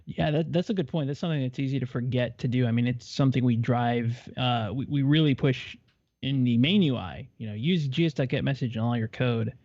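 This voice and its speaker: A man co-hosting a live coding show, relaxed and a little hesitant as he guides his partner step by step. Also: medium pitch, brisk, no echo. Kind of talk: casual coaching during live coding. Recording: slightly muffled, dry mic.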